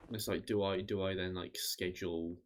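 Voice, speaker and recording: A man streaming a game, chatting casually and rambling with frequent restarts, his voice tired and going hoarse. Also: sits low, fairly even intonation, normal speed. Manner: rambling, self-interrupting, swears casually. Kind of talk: casual gameplay chat.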